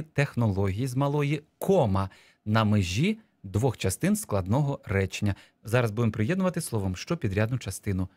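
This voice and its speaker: A man explaining spelling and punctuation rules in a patient, explanatory radio lesson, dictating some words slowly. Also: medium pitch, darkish tone, dry recording. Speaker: language teacher explaining a dictation. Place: radio studio.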